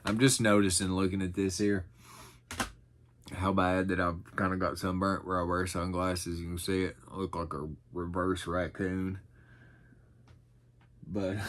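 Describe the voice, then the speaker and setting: A middle-aged man chatting casually in a folksy, rambling, self-deprecating way, as in an unscripted haul video. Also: sits low. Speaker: vlogger showing thrift finds.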